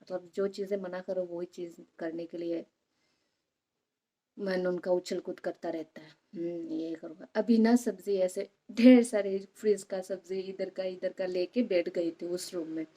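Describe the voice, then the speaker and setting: A woman's voice: fairly low pitch, fairly even intonation, normal speed, dark tone. A young woman vlogging casually from home, chatting in a rambling way and often checking in her listener. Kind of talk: casual home vlog chat.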